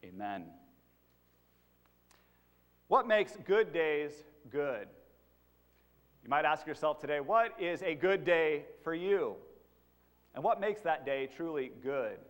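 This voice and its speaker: A male pastor delivers a sermon in a measured way, pushing up on key words and letting phrases fall away. His voice sits a little high for a man. It rings with a long reverb in a church sanctuary. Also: animated. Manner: measured preaching with emphatic rises and dropping phrase ends.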